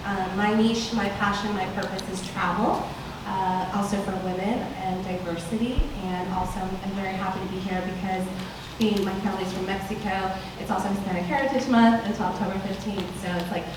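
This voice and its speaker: A woman's voice: medium pitch, fairly even intonation, brisk. A woman from California introducing herself on a panel, hesitant with many ums and uhs. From Orange County, California. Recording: very echoey room, distant mic, noisy.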